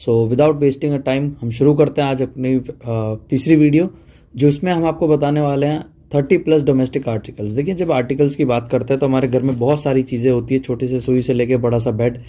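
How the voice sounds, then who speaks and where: A man teaches a relaxed online lesson in a mellow, warm voice of middle pitch. He talks in a chatty, easygoing way and keeps checking in with his listeners as he goes. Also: fairly quick. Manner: chatty, mixes Hindi and English, says "ठीक है" often.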